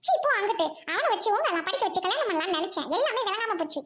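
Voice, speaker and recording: A woman's voice: extremely high pitch, sing-song, rapid-fire, heavily acted. Woman playing a brash bossy young daughter-in-law. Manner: loud, scolding, boastful. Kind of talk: comic serial spoof.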